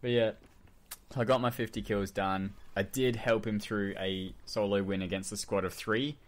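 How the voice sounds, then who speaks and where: A man in his twenties with a lowish voice, co-hosting a casual podcast. He rambles loosely, restarts his sentences and leans on fillers like "uh" and "like". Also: steady tone, normal speed. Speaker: podcast co-host. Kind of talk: casual chat.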